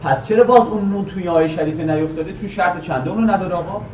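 A male teacher giving a classroom grammar lesson, quizzing his students with questions and reciting a verse slowly again and again. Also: high voice, darkish tone, lo-fi sound, slight background noise. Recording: echoey room, voice from a distance.

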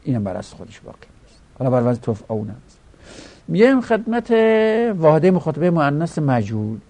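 A man's voice: medium pitch, vocal fry, a little mellow, slightly rough. A man teaching a grammar lesson, explaining step by step and chanting word forms aloud.

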